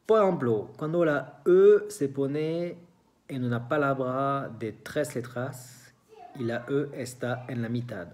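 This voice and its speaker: Slow, careful teacher. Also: medium pitch, darkish tone. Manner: slow and careful, repeats each example word. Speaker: French teacher. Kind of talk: beginner language lesson.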